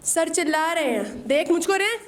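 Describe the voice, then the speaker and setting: A young woman performs a first-time stand-up set at a small open mic, her voice very high-pitched. She jokes about getting scolded at college and mimics her teachers. A light background noise sits under her nervous, self-mocking delivery. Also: expressive, a little fast. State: nervous, shaking. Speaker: stand-up comedian.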